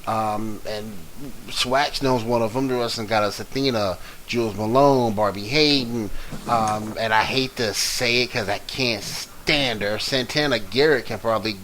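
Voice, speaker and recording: A man hosting a casual sports talk review, steady and listing names between ums. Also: lowish voice, a little slow, a little hiss or hum, low-quality recording. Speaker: host.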